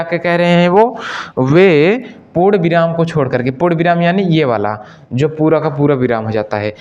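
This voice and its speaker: On a muffled recording, a man with a fairly high, slightly mellow voice teaches Hindi to prepare students for exams. He calls his listeners friends, repeats each question to the class, answers it himself, and lingers slowly over example sentences.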